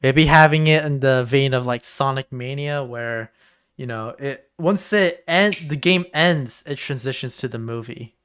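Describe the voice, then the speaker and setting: A man co-hosting a livestream in casual chat, excitable and jokey, swearing now and then. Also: medium pitch, measured pace, a little hiss or hum. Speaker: stream co-host.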